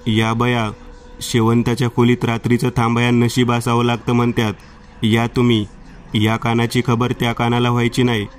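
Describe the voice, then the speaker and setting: A man's voice: mid-range voice, monotone, moderate pace, slight background noise, close to an everyday voice. Man voicing Shevanta, a coaxing ghost dancer. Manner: coaxing, bold rural speech. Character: seductive tamasha dancer, secretly a vengeful female ghost.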